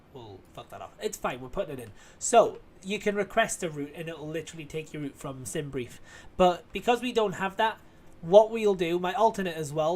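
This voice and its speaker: Man streamer, chatty explainer, a touch high-pitched, light hiss behind. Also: darkish tone. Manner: chatty and explanatory, swears casually. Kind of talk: casual explanatory chat.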